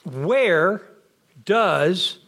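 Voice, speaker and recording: A man's voice: sits high, expressive, very slow, fairly bright tone. A man teaching a bible class, firing off questions and answering them himself. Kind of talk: interactive bible class lecture.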